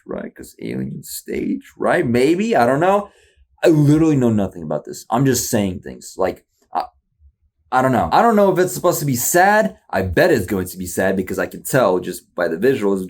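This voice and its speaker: A man reacting on video in a loose, rambling way, full of slang and jokes at his own expense. His pitch swings up and down a lot as he gets excited, sitting in a middle register. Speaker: YouTube reactor. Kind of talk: casual reaction commentary.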